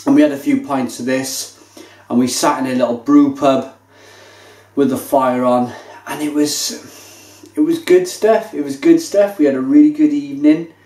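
Relaxed chatty man in an echoey kitchen. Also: mid-range voice, moderate pace. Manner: relaxed and chatty, savoring and describing each sip. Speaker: beer reviewer. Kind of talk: casual video review. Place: home kitchen, indoors. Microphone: camera mic at table distance. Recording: echoey kitchen room sound.

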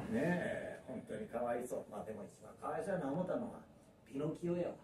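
A man's voice: medium pitch, normal speed, a loud crowd. A man in his fifties with a Kansai accent doing a stand-up comedy monologue, telling a story and acting out voices. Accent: Kansai Japanese. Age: 50s. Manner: lively storyteller who acts out voices. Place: small underground live venue. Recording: echoey room from far off.

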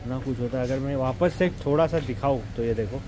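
Fairly quick and medium in pitch, a man's voice narrates a casual vlog, chatting with viewers and going through goat farm tasks step by step while speaking straight to them. He is outdoors at a goat farm and on a street. The recording is noisy with traffic, taken on a clip-on mic after setup.

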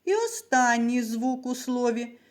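A woman teacher giving a recorded lesson to young children, speaking slowly and clearly and answering her own questions. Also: on the high side, animated. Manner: slow, carefully articulated, asks and answers her own questions.

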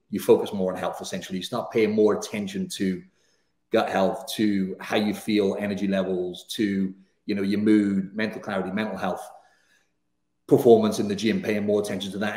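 A man in his thirties with a Welsh accent softened by years in Australia, a fitness coach chatting as a guest on a video call in a casual, upbeat way, full of "you know" and "right". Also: lowish voice, echoey room. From Wales. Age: 30s. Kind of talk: casual interview chat. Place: home room, indoors. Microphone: studio mic on video call.

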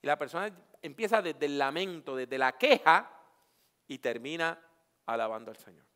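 A man's voice: fairly high pitch, expressive, moderate pace, fairly bright tone. A middle-aged man from Puerto Rico with a neutral Latin American Spanish accent, leading a preaching workshop and firing rhetorical questions at the audience. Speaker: workshop leader and pastor. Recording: long reverb of a large hall.

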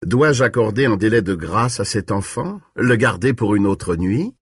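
Guy doing a smooth mocking vampire, slow soft voice, breathy and husky, super dry sound. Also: fairly low pitch, animated, no echo. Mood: silky menace. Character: suave menacing male vampire, mocking and cruel.

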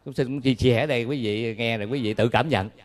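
Speaking fast in a mid-range voice, the Southern Vietnamese-accented monk delivers his dharma talk with folksy humor. He tells stories and asks his listeners questions along the way.

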